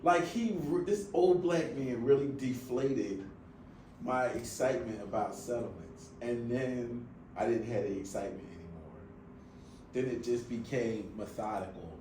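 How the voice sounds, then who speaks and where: A man's voice: medium pitch, unhurried, far from the mic. A man hosting a book club, chatting casually and telling a story with lots of expression in his voice. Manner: animated storytelling, voice rising and falling with excitement. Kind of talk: casual chat. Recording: echoey room with faint background noise.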